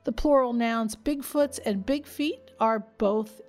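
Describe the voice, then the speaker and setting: Female podcast co-host, higher-pitched, conversational, faint music underneath. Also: slow, darkish tone. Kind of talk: casual chat, partly reading out facts.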